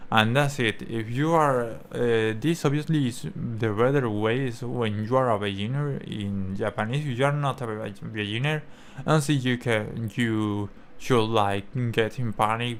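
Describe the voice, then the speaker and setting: A man talking casually to camera as a language-learning creator, halting and searching for words with many restarts. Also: lowish voice, steady tone, a little hiss or hum.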